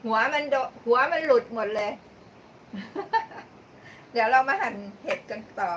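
This livestream cooking host has a somewhat high, a bit bright voice and talks a little slowly but with animation. As she cooks, she banters with her audience, laughing frequently and thanking people by name. Picked up from a distance, the recording carries noticeable background noise.

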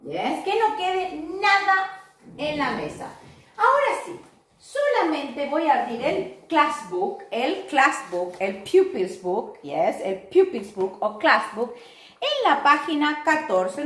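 A woman teacher, giving an online English class to children, upbeat and slowly modelling words for them to repeat. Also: sits high, a bit bright. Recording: echoey room, voice far from mic.

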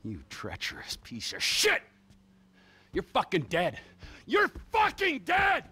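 An actor playing a volatile, profane middle-aged criminal in a video game cutscene, swinging from manic glee to screaming menace. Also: male voice, a little high, huge pitch swings, a little slow, sharp tone, exaggerated voice. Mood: menacing. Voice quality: gravelly. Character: volatile, unhinged middle-aged male criminal, explosive temper. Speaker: career criminal.

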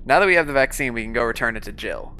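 A man's voice: mid-range voice, expressive, racing, pushed and bright, faint music behind. A man giving chatty live-stream commentary while playing a video game, talking to his viewers and his pet between moments of play.

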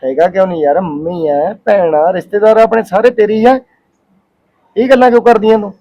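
A man playing a young husband who gently reassures his wife. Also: high-pitched, steady tone, a little fast, highs cut off. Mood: reassuring. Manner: reassuring, casual. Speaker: actor. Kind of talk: village short-film acting.

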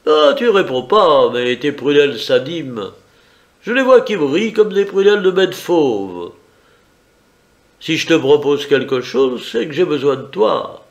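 Brief: male reader voicing a cocky gentleman thief, pitched up, bargaining slowly with a rasp. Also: very animated. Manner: teasing, confident, bargaining. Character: suave, mocking gentleman thief, adult man.

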